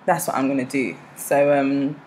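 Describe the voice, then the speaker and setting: A woman's voice: rumbling low, little pitch movement, normal speed, a little mellow, slight background noise, poor audio. A young woman with a South East London accent, chatting casually to camera in a playful way. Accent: South East London English. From born in Nigeria, raised in South East London. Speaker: vlogger.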